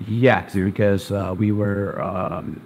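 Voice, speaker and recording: Taking it slowly, a family doctor originally from Zambia and raised in New Jersey responds to interview questions in a plain, hesitant way, full of uh's and um's. His fairly low voice has a darkish tone and fairly even intonation, over a little hiss or hum.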